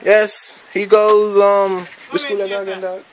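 A man giving casual, slangy play-by-play commentary on a pickup football game, rambling between plays and shouting at the big moments. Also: high voice, completely flat delivery, measured pace. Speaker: amateur commentator.

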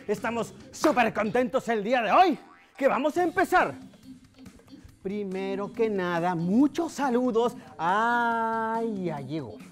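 A woman with a Mexican accent hosting a children's TV show. Her voice is fairly high and swings widely in pitch as she jokes and teases. Light music plays faintly behind her. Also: a little slow. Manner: animated, playful, teasing. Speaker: children's TV host.

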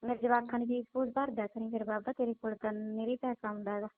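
A woman's voice: a little high, flat delivery, fast, no room sound. Blunt woman on a phone line. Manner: blunt, scolding. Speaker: call recipient. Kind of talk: phone call.

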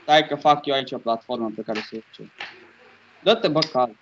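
A young man playing Minecraft with friends, chatting casually and shouting when things go wrong. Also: mid-range voice, lo-fi sound, a little hiss or hum. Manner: excitable, shouts at his horse. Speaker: Minecraft let's player. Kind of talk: casual gaming chat.

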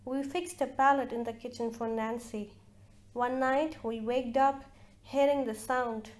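Slow, measured woman reading fiction. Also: fairly high pitch, fairly even intonation. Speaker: reader. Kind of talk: literary reading.

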